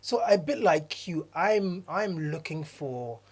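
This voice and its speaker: A man's voice: on the high side, lively intonation, takes it slowly, a little mellow. Earnest Nigerian-born man co-hosting a podcast. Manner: earnest, repeats and restarts phrases, laughs often. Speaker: podcast co-host, diversity consultant. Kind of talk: casual chat.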